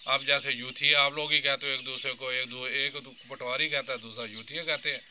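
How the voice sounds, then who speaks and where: A man's voice: medium pitch, fairly even intonation, a little fast, pushed and bright, slight background noise. A man in his fifties from Pakistan giving an earnest political commentary monologue, addressing his viewers directly. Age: 50s. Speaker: vlogger.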